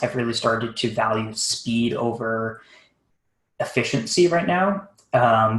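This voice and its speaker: A man giving a live SEO site audit on a webinar, talking quickly and casually while thinking aloud, with plenty of fillers. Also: mid-range voice, a bit bright, roomy sound, low-quality recording. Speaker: SEO consultant.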